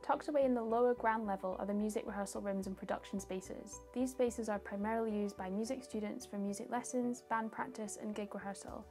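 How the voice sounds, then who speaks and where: A young woman giving a scripted guided tour, calm and informative like a guide, speaking clearly. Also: mid-range voice, fairly quick, few pauses. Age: young adult. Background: background music.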